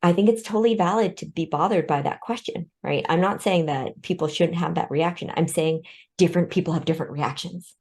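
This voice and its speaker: On the low side, husky and a little mellow, her voice moves briskly. She is a Vietnamese-born, American-raised woman being interviewed in conversation as an expert on respect, illustrating ideas with research and personal stories and giving light laughs between points.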